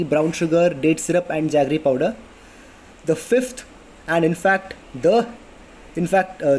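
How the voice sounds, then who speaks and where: His voice sits on the high side with a darkish tone as the twenty-something Indian English vlogger talks casually about health, stumbling through fillers and restarts. The recording is rough with a little hiss or hum, and planes pass over his apartment beneath the flight paths.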